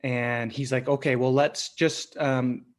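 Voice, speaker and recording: A young man talks slowly as a guest on a podcast, recounting his hockey career in a casual interview. His pitch sits in the middle, and he often pauses, fills gaps and restarts his sentences. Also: flat delivery. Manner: halting, many fillers and restarts.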